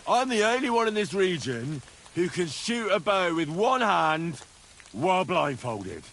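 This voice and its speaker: A man's voice: sits high, big pitch swings, unhurried, fairly bright tone, a little hiss or hum, full character voice. An actor playing a boastful, cocky young man in a video game, bragging and swearing as he drinks.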